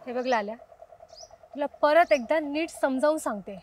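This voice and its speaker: A young actress playing a sharp, scornful village woman who stands up to a stalker. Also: high-pitched, moderate pace, slight background noise, lightly acted. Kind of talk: web series acting.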